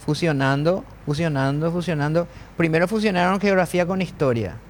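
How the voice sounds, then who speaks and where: A man's voice: on the high side, a little fast, a little hiss or hum. A man co-hosting a talk show, making wry, argumentative points and checking for agreement. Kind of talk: casual studio conversation.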